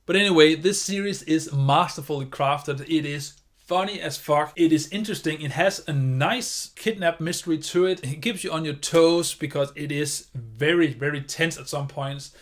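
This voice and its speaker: A man's voice: fairly high pitch, a bit bright. A man giving a casual video review of a TV series, enthusiastic and rambling, often circling back on his points.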